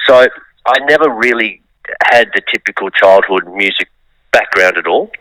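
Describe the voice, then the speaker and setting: A man's voice: fairly low pitch, moderate pace, pushed and bright, dry recording, poor audio. A man, a musician and songwriter, telling his life story in an interview, open and thoughtful with many ums. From Australia.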